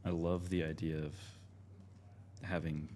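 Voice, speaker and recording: A man's voice: a bass voice, level tone, a little slow, dark tone, slight background noise. A man playing a card game on stream at a convention, joking and laughing often between plays. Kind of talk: casual table talk at a card game. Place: indoor gaming table at a convention. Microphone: table mic.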